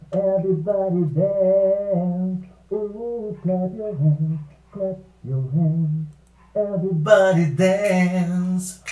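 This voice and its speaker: A man's voice: high voice, dark tone. Man muffled as if through a wall. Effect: muffled as if through a wall, old-radio filter. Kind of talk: chanted dance song played back. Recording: muffled roomy filtered playback.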